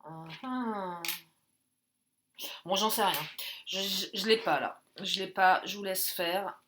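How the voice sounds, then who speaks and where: A woman's voice: medium pitch, slow, noisy background. A woman doing a casual card reading, chatty and jokey, thinking aloud with many fillers. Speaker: tarot and oracle card reader.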